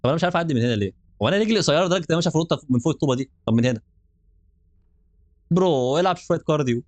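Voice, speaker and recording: Speaking at a racing pace with lively intonation, a young man with an Egyptian Arabic accent jokes nervously and laughs a lot while playing a horror game for his gaming channel. The voice is a little high with a darkish tone, captured in a dry recording.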